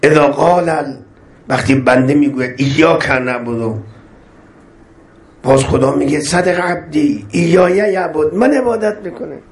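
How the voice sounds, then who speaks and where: Persian preacher with swooping emphasis. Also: male voice, on the high side. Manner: rising and falling emphasis, repeating phrases, chanting Arabic verses. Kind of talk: sermon.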